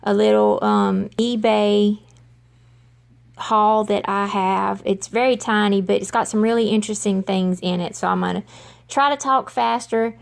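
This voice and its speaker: A woman with a Southern country accent, showing items in a casual haul video, talking slowly with many pauses and ums. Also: mid-range voice, animated, gravelly. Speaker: vlogger.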